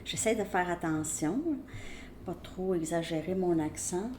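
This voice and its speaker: A woman with a Québécois French accent giving a tarot reading, talking slowly and hesitantly with many fillers and restarts. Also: on the low side, mellow, a little hiss or hum. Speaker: tarot reader.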